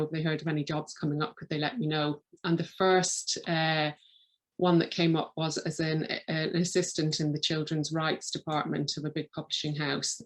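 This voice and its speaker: A middle-aged woman speaks. Her pitch stays fairly level as she recounts her working life in an interview, in the manner of a podcast guest. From Galway, west of Ireland. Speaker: literary agent, podcast guest. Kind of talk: interview answers, personal career storytelling.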